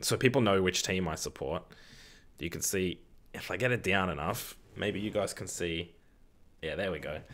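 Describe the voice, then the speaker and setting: Male streamer with a lowish voice, chatty and reactive, hosting a casual football watch-along. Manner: chatty, reads and answers viewer comments, reacts loudly to play. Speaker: live-stream host.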